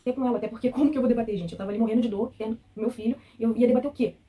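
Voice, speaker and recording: A woman telling her own birth story, speaking quickly with indignation and quoting the staff who treated her. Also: fairly high pitch, steady tone, dark tone. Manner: fast, tearful and indignant, quotes staff. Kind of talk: emotional personal account.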